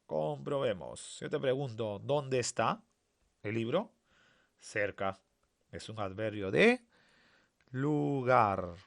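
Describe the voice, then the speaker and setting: A man's voice: mid-range voice, lively intonation, slow pace, gravelly, long pauses. A man teaching a primary school grammar lesson online. He asks the class questions and then answers them himself.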